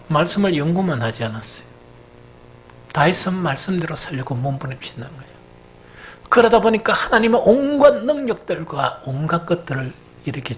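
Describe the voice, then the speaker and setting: Animated Gyeongsang-accented preacher man. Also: fairly high pitch, slight background noise, low-quality recording. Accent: Gyeongsang Korean. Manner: lively preaching with rhetorical questions and folksy storytelling. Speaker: senior pastor. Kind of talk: Sunday sermon. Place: church sanctuary.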